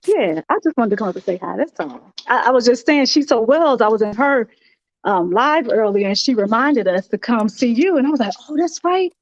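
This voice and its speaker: A woman with a high voice chats casually as a livestream guest. Her call audio is dull and lo-fi. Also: animated, a little fast. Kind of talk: casual chat.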